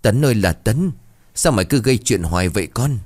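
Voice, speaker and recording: A man's voice: on the low side, expressive, a little fast, a little mellow, no room sound. A man voicing a tearful older village mother in a storybook tale.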